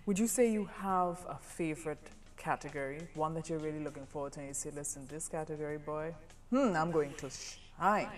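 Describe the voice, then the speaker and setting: A woman's voice: deep voice, a little fast, faint music behind. A woman hosting a live TV chat show, talking with guests and often breaking into laughter. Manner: lively, bursts into long fits of laughter. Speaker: TV talk show host.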